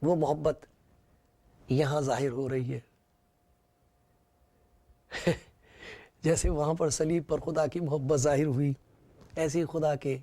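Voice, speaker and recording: A man's voice: a little high, dark tone. A man preaching a sermon, retelling scripture with repetition and rhetorical questions.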